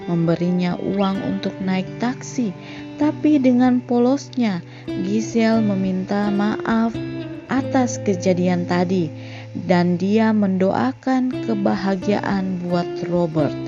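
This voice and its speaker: Over background music, a medium-pitched woman narrates a script summarizing a movie's story. The recording is muffled.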